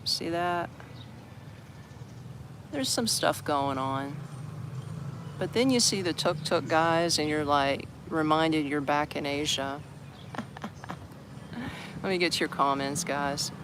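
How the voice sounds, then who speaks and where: Street and traffic sounds surround this expat livestreamer, an American from Orlando, Florida, who talks casually from steps in a busy city park. Speaking slowly in a fairly high voice with frequent pauses, he rambles and greets viewers as they join.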